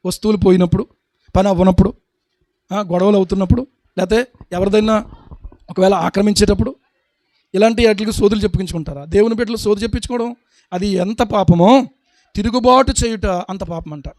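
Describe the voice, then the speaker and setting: Male pastor, high voice, dry close sound, preaching with constant rhetorical questions. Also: brisk, pauses often, darkish tone, no room sound. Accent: Telugu. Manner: rhetorical questions to the congregation, acts out little scenes. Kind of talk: sermon.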